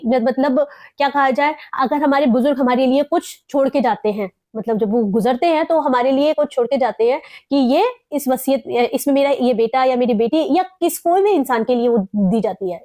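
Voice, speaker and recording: A woman with an Indian English accent, teaching English vocabulary in a mix of Hindi and English and slowly repeating each word. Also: high-pitched, darkish tone, dry recording, studio quality. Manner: explains slowly, repeats words and spells out pronunciation.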